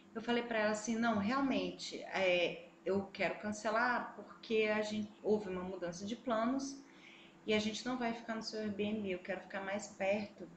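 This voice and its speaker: Addressing her viewers head-on, a woman from Brazil recounts her travels with lively, easygoing energy and a Brazilian Portuguese accent. She speaks at a medium pitch. Slight background noise and faint ambience fill an echoey room.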